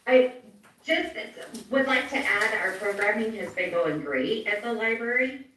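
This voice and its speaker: A woman giving a slow report with small laughs over a video call whose audio keeps breaking up. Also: a little high, lively intonation, fairly bright tone, very echoey, recorded from a distance, slight background noise, poor audio. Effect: choppy video-call audio that keeps cutting out. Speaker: library staff reporting to council. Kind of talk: remote meeting report.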